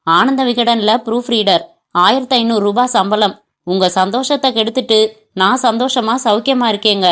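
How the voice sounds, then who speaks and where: A woman's voice: a little high, moderate pace, a bit bright, lightly acted. A woman voicing an earnest, remorseful young man who speaks humbly, apologetically and politely in a storybook reading. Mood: remorseful, pleading. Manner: apologetic, pleading, respectful.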